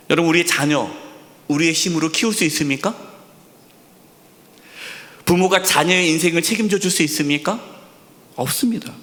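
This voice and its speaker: A man preaching from the pulpit, his fairly high voice swinging widely between urgent questions and hushed, almost whispered key words. He repeats phrases for weight as long reverb from the sanctuary trails behind him. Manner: emphatic preaching with rhetorical questions and repetition; drops to a soft near-whisper on key words. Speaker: senior pastor. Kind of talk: sermon at a Friday prayer service. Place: church sanctuary.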